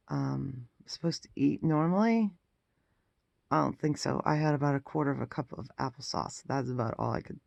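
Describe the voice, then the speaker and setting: Exhausted, very gravelly, croaky man. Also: mid-range voice, a little mellow, no room sound, muffled recording. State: exhausted and groggy; throat rough after intubation. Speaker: vlogger. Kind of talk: casual personal health update to camera.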